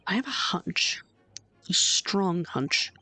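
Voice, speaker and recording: A woman voicing an earnest young male defense lawyer who reasons through the case calmly. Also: on the low side, slow, slightly rough, in a whisper, soft background music, full character voice. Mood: determined.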